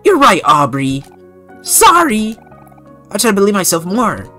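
A woman voicing a shy, timid boy in a game, speaking softly and hesitantly. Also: mid-range voice, wildly swooping pitch, a little slow, faint music behind, voice pushed up, exaggerated voice. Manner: soft, hesitant and self-doubting. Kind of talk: playful game character voicing.

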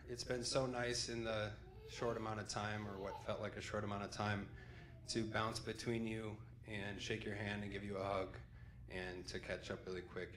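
A young man, the groom, gives an unscripted thank-you speech into a handheld mic, halting and filling pauses with many ums. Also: on the low side, a bit bright, echoey room, slight background noise. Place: wedding reception in a large dining room.

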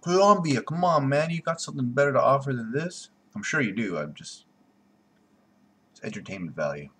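A man reviews a beer for his desk webcam in a small room at home, a little fast, with lively intonation in a slightly rough mid-range voice. He's blunt and sarcastic, and his loudness jumps around.

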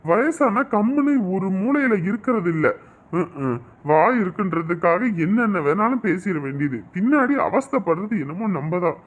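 A man's voice: high voice, animated, moderate pace, muffled recording. Man playing a devoted, pleading young husband. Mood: exasperated. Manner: pleading, reassuring, then grumbling to himself. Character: devoted young husband caught between wife and mother. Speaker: actor in a family drama. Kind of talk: melodramatic web-series acting.

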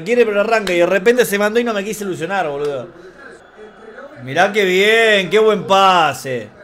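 Excitable Argentine guy, very high voice, live football reaction vlog. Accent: Argentine Spanish. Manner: excitable, emotional, talks to the screen. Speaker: YouTuber reacting to a football match.

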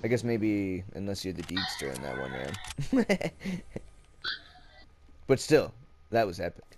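A young man hosting casual gameplay commentary, excitable and swearing, with shouts and laughs between lines. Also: sits low, a little slow, background noise. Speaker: gaming channel host. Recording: game sounds loud behind voice.

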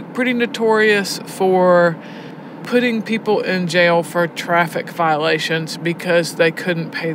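A poetry teacher who heads a prison arts education program speaks casually in an interview, emphatic and reflective, driving her points home like a teacher. The recording was made on location and is noisy, with background clatter and rumble.

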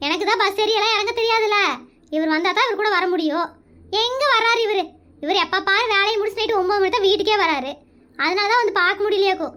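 Shrill fast-talking woman. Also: bright, forceful tone. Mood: nagging. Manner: nagging, suspicious, quick-witted. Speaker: comedy creator playing the wife. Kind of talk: comedy skit acting.

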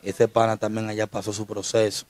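A man's voice: on the low side, little pitch movement, brisk, darkish tone, dry recording. A young Dominican man, an interview guest, telling an emotional personal story in slangy street talk. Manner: slangy, repeats street address terms.

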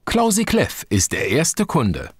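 A man's voice: fairly high pitch, wildly swooping pitch, slow, music in the background, heavily acted. A man narrating a children's cartoon in a scripted storytelling style.

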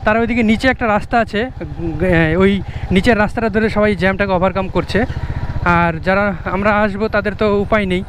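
High-voiced man narrating a bike ride. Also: quick pace, pauses often. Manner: chatty, explains the route as he rides. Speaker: moto vlogger. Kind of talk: riding commentary. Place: on a motorbike on an open road. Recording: road noise on a bike mic. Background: traffic and road noise.

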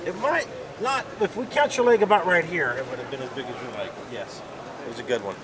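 A man's voice: fairly high pitch, fast. Easygoing guy in his 40s vlogging on a handheld cam, says dude a lot, noisy hall around him. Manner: friendly, upbeat, says dude and man a lot. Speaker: pro bass angler vlogger. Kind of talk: casual vlog chat. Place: convention hall at a boat show, later a hotel room. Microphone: handheld camera at arm's length. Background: hall ambience.

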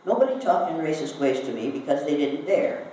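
Brisk and very animated, an older woman from Iowa in the United States delivers a talk, telling a story and quizzing her live audience. Her voice is low and warm, picked up from afar in a hall with heavy echo and faint noise.

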